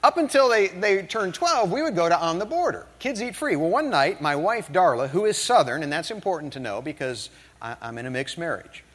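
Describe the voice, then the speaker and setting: This high-pitched, brisk voice belongs to a middle-aged motivational speaker from the northern United States. In a large hall in front of an audience, he gives a storytelling keynote laced with jokes, animated and humorous. Hall reverb colors the recording.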